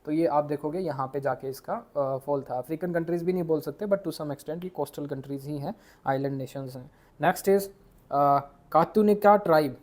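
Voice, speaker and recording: Casual Hindi-English exam tutor. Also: male voice, on the high side, darkish tone. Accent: Indian. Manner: quick, repetitive, mixes English into Hindi, stumbles on names. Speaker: exam coaching teacher. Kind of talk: casual exam revision lecture.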